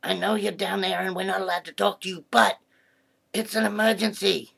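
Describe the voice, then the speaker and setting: Man voicing a playful puppet boy for kids: gravelly, husky, fairly low. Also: fairly even intonation, fairly quick, a bit bright, heavily acted. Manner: chatty and playful. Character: friendly curious male puppet boy. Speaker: puppet character. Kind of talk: children's puppet show.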